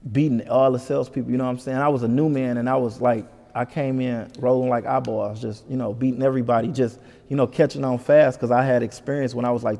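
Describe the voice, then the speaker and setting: A man telling a story as an interview guest, animated and full of "you know what I'm saying.". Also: medium pitch, gravelly, big-room sound. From Detroit. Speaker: comedian guest.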